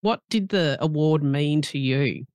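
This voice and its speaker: A man hosting an interview, asking questions in a conversational way and warmly praising his guest. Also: a little high, unhurried, smooth, no room sound. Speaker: interviewer, host.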